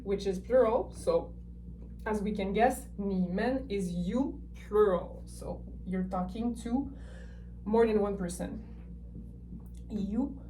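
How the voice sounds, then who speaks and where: Woman teacher going real slow and patient, demoing sounds, mic a bit far off with faint room hum. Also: mid-range voice, a little mellow. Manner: patient, explains step by step, models sounds. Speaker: language teacher. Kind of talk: online language lesson.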